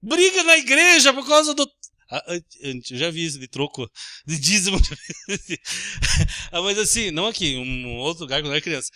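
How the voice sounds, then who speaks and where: A Brazilian man preaching a sermon as pastor, animated, acting out little everyday scenes with changing voices. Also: high-pitched, brisk, no echo, clean studio sound. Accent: Brazilian Portuguese.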